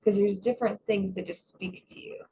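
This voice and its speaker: A young adult actress chatting casually in an interview, rambling with many restarts and frequent laughs. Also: female voice, medium pitch, fairly even intonation, normal speed, dark tone, a little hiss or hum. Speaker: guest, stage actress.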